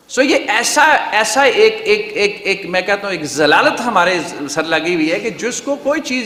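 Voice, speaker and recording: High, bright-voiced man lecturing in a hall. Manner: conversational, tells anecdotes, asks rhetorical questions; often switches into English phrases. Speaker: guest speaker at a seminar. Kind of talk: public lecture to researchers. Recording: echoey hall with long reverb.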